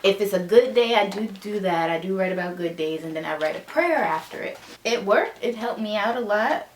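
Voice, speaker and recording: A woman in her twenties vlogs from her bedroom, chatting casually and cheerfully as she shows off her things, her nose audibly stuffed up. Her mid-range voice has lively intonation at a normal speed, in a reverberant room with slight background noise.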